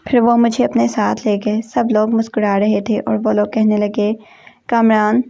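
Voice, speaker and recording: A woman telling a first-person story in a steady, even reading voice. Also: mid-range voice, vocal fry. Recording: dull lo-fi recording.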